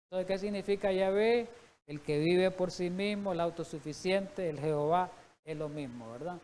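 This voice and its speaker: High-voiced man preaching a Bible study. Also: moderate pace, darkish tone, a little hiss or hum. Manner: reads scripture aloud, then explains it with rhetorical questions.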